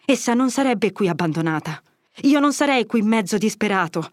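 A woman's voice: medium pitch, lively intonation, a little fast, no echo, studio quality, close to an everyday voice. A woman reading an audiobook, voicing a young man who speaks in desperate, angry outbursts. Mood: desperate fury. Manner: impassioned, vengeful outbursts. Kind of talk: audiobook character voice.

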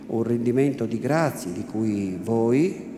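Attore nei panni di un vescovo anziano e solenne, parlata lenta, sala con eco. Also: male voice, mid-range voice, pitched below the performer's own voice. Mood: gentle. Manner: solemn, calm, slow and deliberate. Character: solemn elderly male bishop, gentle and humble. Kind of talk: theatrical literary reading. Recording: echoey room with background noise.

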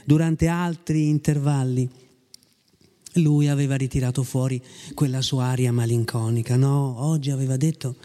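Mellow man reading a story with irony. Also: fairly high pitch. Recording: long hall reverb.

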